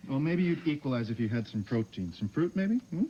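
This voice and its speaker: A man's voice: medium pitch, big pitch swings, fairly quick, warm tone, close to an everyday voice. An actor playing a cocky young male kidnapper in a 1990 TV soap, talking in a mocking, sarcastic way, on dull lo-fi TV audio with faint hiss. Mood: teasing.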